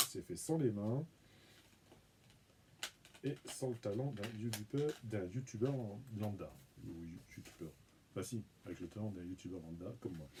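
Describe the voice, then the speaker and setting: A man hosting his own channel, talking through an unboxing in a relaxed, rambling, self-mocking way, humming and muttering as he handles things. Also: lowish voice, background noise. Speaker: video channel host. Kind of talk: casual unboxing commentary.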